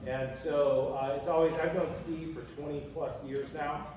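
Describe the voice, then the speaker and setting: A middle-aged voice actor from Colorado in the United States talks casually and emphatically as a panel guest at a convention Q&A. His voice is fairly high, with fairly even intonation and an unhurried pace. The large indoor room is full of an audience, very echoey and noisy, picked up on a distant microphone.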